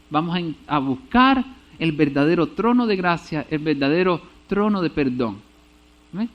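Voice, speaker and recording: A man's voice: high-pitched, muffled recording. A man preaching a sermon as pastor, often checking in with the congregation and saying amen. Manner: preaches with rhetorical checks and repeated amens.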